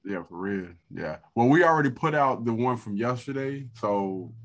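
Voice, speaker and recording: A man's voice: mid-range voice, lively intonation, normal speed. A man in his thirties hosting a podcast in a laid-back, casual way, talking over a video call. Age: 30s. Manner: laid-back, says "dog" and "man" often. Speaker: podcast host. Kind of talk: casual chat.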